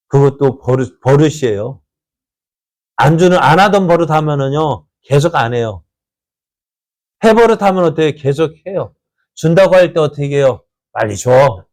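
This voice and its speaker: A male pastor with a somewhat high, slightly mellow voice delivers a conversational sermon. He tells a story and keeps asking the congregation rhetorical questions.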